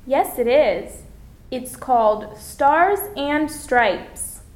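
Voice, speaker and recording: High-voiced American woman reading slowly. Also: lively intonation, echoey room. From Florida, United States. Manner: slow, carefully articulated, as if for learners. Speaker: lesson presenter. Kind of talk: scripted language-lesson dialogue.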